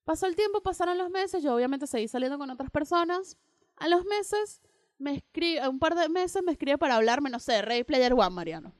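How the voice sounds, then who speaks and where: High-voiced young woman telling a story. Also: a little fast, no room sound, clean studio sound. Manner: animated, acts out both sides of dialogues. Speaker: radio co-host. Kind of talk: casual storytelling chat.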